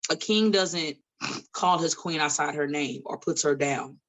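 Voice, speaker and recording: Speaking a little slowly in a low voice, this independent wrestler in her late thirties sits at a studio table as a podcast guest. The chat is casual, and she's blunt, swears a lot, and slips into preachy asides. It's a low-quality recording.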